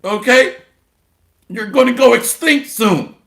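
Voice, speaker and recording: Male preacher, sharp bright tone and slow measured pace; blunt, mocking sermon delivery. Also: very high voice, expressive, gravelly, roomy sound. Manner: blunt, coarse, mocking preacher with rhetorical call-outs. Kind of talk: sermon with scripture reading.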